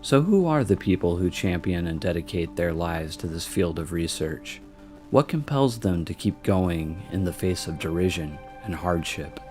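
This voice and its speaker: Deep-voiced male documentary narrator. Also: animated, moderate pace, darkish tone. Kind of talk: scripted narration. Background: faint music.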